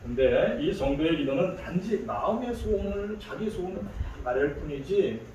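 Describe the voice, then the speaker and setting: Recorded from a distance in the echoey hall of a large church sanctuary, with slight background noise, a man preaches as pastor. His fairly high, slightly mellow voice is animated at a moderate pace as he tells stories and acts out quoted voices.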